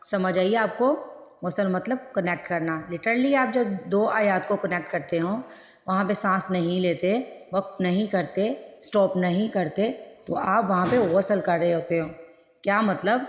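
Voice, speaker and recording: A woman from Pakistan, teaching a Quran lesson patiently and repetitively. She asks rhetorical questions, answers them herself, and mixes in English words. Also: mid-range voice. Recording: echoey room with long reverb.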